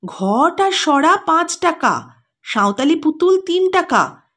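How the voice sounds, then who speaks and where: A bubbly, giggling young woman bursts out her news in a high, sing-song voice, as a woman narrator puts her on. Her pitch leaps around in quick excited runs. It is a storybook reading. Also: heavily acted. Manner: giggling, breathless bragging.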